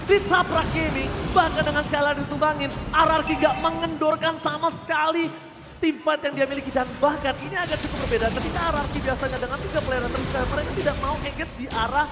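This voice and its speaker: A man shoutcasting an esports match live, with an excitable fighting game announcer delivery. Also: extremely high pitch, quick pace. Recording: echoey hall reverb, loud music behind.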